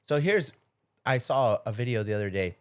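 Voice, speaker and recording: A man's voice: medium pitch, lively intonation, normal speed. A man hosting a podcast, talking in a loose, rambling way with plenty of swearing. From United States. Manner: profane, rambling, laughs often. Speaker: podcast host. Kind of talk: casual podcast chat.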